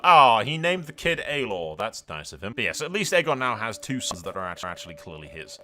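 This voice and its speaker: Fairly low in pitch and sharp in tone, this male streamer improvises commentary over a strategy game, narrating in character. He's foul-mouthed, colloquial, and joking throughout.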